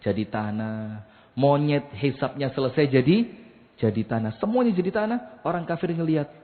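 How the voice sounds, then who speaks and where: A man's voice: medium pitch, animated, normal speed. A man preaching a mosque sermon, telling stories, acting out quotes and chanting verses. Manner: storytelling, acts out quotes, chants Quran verses. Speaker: Islamic preacher. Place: mosque hall. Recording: echoey hall over a tinny line.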